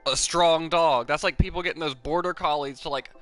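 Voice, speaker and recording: A man talking casually on a livestream, his voice bright and a touch high for a man. He rambles, swears freely and leans on "like" in almost every sentence. Soft music plays faintly underneath. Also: steady tone, a little fast. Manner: rambling, profane, peppered with "like". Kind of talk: casual chat.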